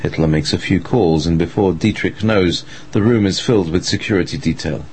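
A man's voice: low voice, fairly quick, a little mellow, slight background noise. A man reading a scripted story as a dramatic narrator.

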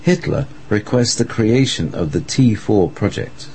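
A man's voice: lowish voice, lively intonation, measured pace, a little mellow, slight background noise. A man reading a scripted story as a dramatic narrator.

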